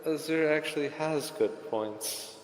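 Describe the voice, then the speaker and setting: A man chatting in character on a roleplay server in a measured way, chuckling now and then. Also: on the high side. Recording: roomy, long reverb.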